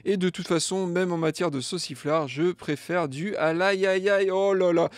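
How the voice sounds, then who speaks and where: A man's voice: high-pitched, normal speed, dry recording. A young man hosting a music gear news show, chatting casually and jokily reading out viewer comments. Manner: lively, jokey, playfully sings comments.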